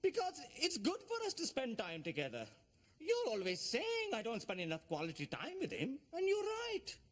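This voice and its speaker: An actor playing a pompous, excitable middle-aged Pakistani father and self-styled community leader in a sitcom, with a Pakistani accent and a boastful, theatrical manner. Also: extremely high pitch, moderate pace, full character voice. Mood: pleading, insistent. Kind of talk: broad television sitcom acting.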